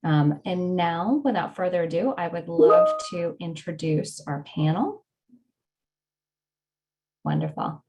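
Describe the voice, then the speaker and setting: A woman's voice: lowish voice, big pitch swings, slow, long pauses, warm tone, poor audio. A woman opening a webinar as host, upbeat and friendly, with frequent ums. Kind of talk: scripted webinar introduction.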